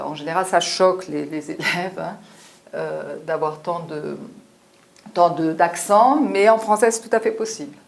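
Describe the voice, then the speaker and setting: A French teacher with a darkish, low-leaning voice gives a spoken language lesson to learners. She explains patiently and often tags her sentences with "hein."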